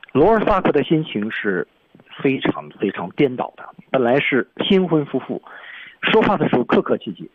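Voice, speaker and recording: A man's voice: on the high side, no room sound, phone-quality sound. A man teaching English on a radio lesson, breaking down each English line by its stressed words and tones. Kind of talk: explaining film dialogue on a radio lesson. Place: radio studio.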